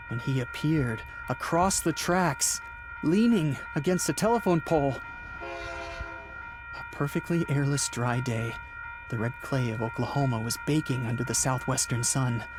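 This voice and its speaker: A man with a mid-range, lightly acted voice performs dramatic first-person narration and acting in a radio play. He plays a haunted driver recounting his cross-country journey, brooding as he tells it and stammering when agitated as he turns increasingly frantic, with loud background noise and vehicle ambience throughout.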